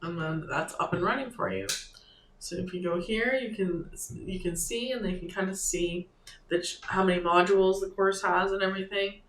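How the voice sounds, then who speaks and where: A creator walks viewers through building a site in a relaxed screen-share lesson, pausing and thinking aloud between clicks. The voice sits at a middle pitch, and the room around it rings with a noticeable echo. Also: slight background noise. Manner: loose and halting, thinking aloud while clicking through steps. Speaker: online creator and business coach. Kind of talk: casual screen-share tutorial. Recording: echoey room with faint ambience.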